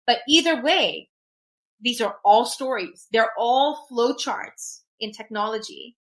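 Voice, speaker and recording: Her voice sits on the high side and her pace is slow, captured in a low-quality recording. She is a technologist appearing as a podcast guest, a native Urdu speaker who shares experiences and advice in an emphatic, reflective manner, checking in with "right?" again and again.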